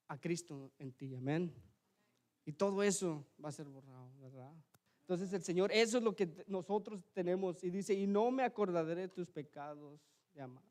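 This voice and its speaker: A man preaching a sermon in a church, telling a personal story in a conversational way, often asking the brethren to agree and swinging from loud emphasis to quiet asides. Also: sits high. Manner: conversational, keeps asking ¿verdad? and addressing the brethren.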